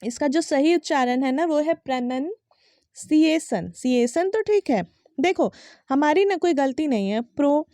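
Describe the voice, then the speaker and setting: A young woman who speaks Hindi natively, teaching English pronunciation in a patient way, saying each word slowly several times and spelling it letter by letter. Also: high-pitched, expressive, dark tone, dry recording, clean studio sound. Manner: patient, repeats words slowly and spells them out. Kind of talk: explaining lesson to students.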